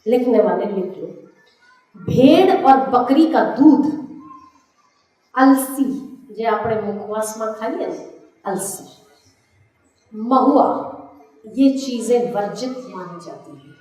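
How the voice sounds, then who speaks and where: A woman gives a religious discourse in a slightly high voice, slow and deliberate. She teaches step by step and repeats each list for the audience to note down. Her voice rings through a very echoey hall. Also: animated, warm tone. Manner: slow, didactic, repeating lists for note-taking. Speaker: spiritual teacher.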